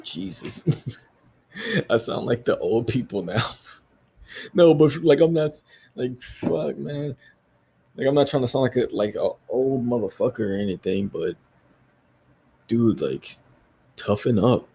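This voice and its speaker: Husky, blunt man ranting on a podcast. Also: medium pitch, lively intonation, slow pace, pauses often, dark tone. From United States. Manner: profane, blunt, ranting with laughs. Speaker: podcast host. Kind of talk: solo podcast rant.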